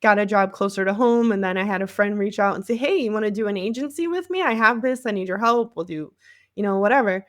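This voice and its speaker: She talks fast in a mid-range voice, recorded in clean studio sound without echo. A Cleveland-area marketing agency CEO and podcast guest, she tells her story openly and conversationally, often mimicking what others said to her.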